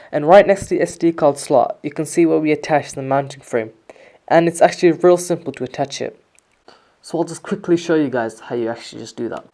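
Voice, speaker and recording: With a mellow, mid-range voice, a reviewer explains a product informally, stepping through each feature. The narration is casual but has a scripted feel.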